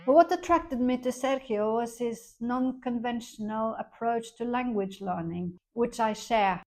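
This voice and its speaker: An older woman chats as a podcast co-host, her voice sitting a little high. She is chatty and pokes fun at herself, and she laughs easily. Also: measured pace, darkish tone, rough recording. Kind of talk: casual podcast chat.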